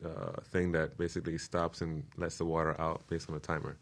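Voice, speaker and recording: This man's very deep, creaky voice stays level in tone as he talks fairly quickly. As a guest permaculture designer in a relaxed interview, he earnestly breaks his work down step by step and often asks "right?"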